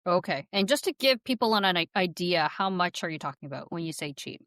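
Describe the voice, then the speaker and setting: A woman talks over a video call, her connection glitching now and then. She co-hosts a casual podcast, asking short, curious questions. Her voice sits a little low and sounds dry and close, with no room around it. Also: expressive, a little fast, a bit bright, dry recording. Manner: chatty, asks many short questions. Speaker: podcast co-host. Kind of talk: casual conversation.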